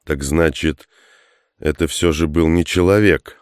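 Male narrator reading a grumbling, suspicious soldier in his own very low voice, dry and clear. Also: unhurried, no echo. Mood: impatient. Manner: impatient and grumbling. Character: impatient, gruff armed man, suspicious.

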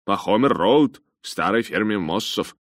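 A man voicing a grumpy, portly, hoarse middle-aged man in an audiobook. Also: lowish voice, lively intonation, moderate pace, dry recording, studio quality, pitched above the performer's own voice. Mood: overjoyed. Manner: grumbling.

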